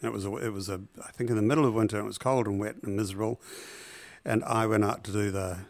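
A man with a New Zealand accent, telling his business story in a relaxed interview, with many ums and restarts. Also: on the low side, fast talker, no echo. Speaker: business founder guest.

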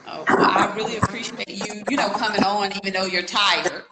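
A woman's voice: mid-range voice, fairly even intonation, brisk. Upbeat woman host on echoey call. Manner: upbeat and encouraging. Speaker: interviewer, host. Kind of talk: casual interview. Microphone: video call. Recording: echoey video-call audio with noise.

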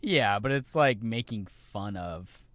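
A young man co-hosting a podcast in casual chat, relaxed and laughing, sometimes trailing off quietly. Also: lowish voice, slow, no echo. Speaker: podcast co-host.

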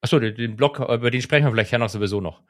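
A man co-hosting a casual podcast, giving relaxed opinions with a few stumbling restarts. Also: mid-range voice, rapid-fire. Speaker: podcast co-host.

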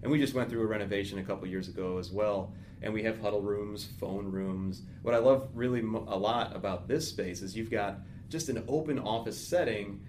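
Recorded in an office huddle room with a little hiss or hum, a man in his thirties from the Midwest talks fairly quickly in a low, slightly mellow voice. He hosts a golf podcast, chatting loosely through interview segments and sponsor reads with lots of fillers and restarts.

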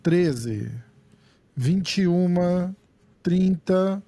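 A man with a Brazilian accent hosting a podcast in casual, slangy chat, with a raspy voice. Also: sits high, expressive, very slow, warm tone, dry recording. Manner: slangy, swearing, informal. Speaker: podcast host.

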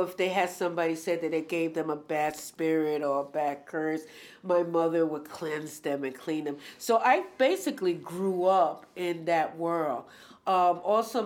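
Woman, 60s, from New York City, interview guest, halting, hesitant. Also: lowish voice. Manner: halting, searching for words. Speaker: guest artist. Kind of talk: casual interview talk.

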